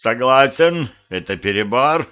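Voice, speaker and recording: A beaten male werewolf, as a male reader puts him on whines and pleads at a slow pace. The home recording sounds slightly dull and lo-fi. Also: mid-range voice, animated, smooth, close to an everyday voice. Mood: resigned.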